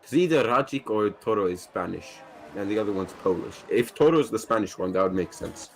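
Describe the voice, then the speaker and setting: A man with a lowish voice calls a sim race in a loose, chatty way. He laughs easily and jumps on crashes and flags with sudden excitement. Faint ambience sits under the voice. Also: brisk, slight background noise. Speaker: sim racing commentator. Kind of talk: casual race commentary.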